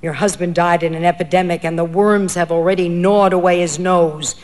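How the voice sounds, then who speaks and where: A hollow-voiced trickster posing as a demon, voiced by a woman reading aloud, booming out grand threats. The voice swells loud and commanding. A long reverb trails behind it. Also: fairly even intonation, moderate pace, lightly acted. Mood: persuading.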